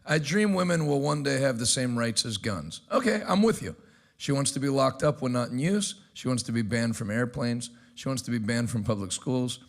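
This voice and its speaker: Sarcastic guy hosting a news show, gravelly voice, brash and loud. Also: medium pitch, animated, normal speed. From United States. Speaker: host. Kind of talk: energetic commentary.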